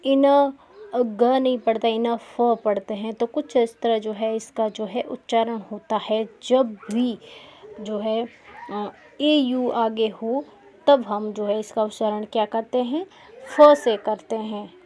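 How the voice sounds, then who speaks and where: Woman teacher, slow deliberate delivery, warm mellow tone, repeats key points for learners. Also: fairly high pitch. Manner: slow, repetitive, asks and answers her own questions. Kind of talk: Hindi-language English pronunciation lesson.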